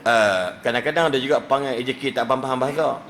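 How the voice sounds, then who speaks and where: A man's voice: mid-range voice, quick pace, fairly bright tone, a little hiss or hum. A man giving a humorous religious lecture, telling stories with jokes and acted-out quotes.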